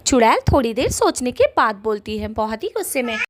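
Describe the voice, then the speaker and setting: A woman narrating a cartoon ghost story in a lively storytelling manner. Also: fairly high pitch, fairly quick.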